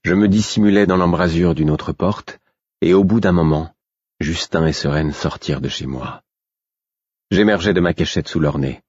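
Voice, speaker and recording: A man reading a fantasy novel aloud in the first person, steady and restrained, in a slightly dull recording. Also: low-pitched, normal speed, breathy edge, no room sound. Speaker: audiobook narrator. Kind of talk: scripted narration of a fantasy novel.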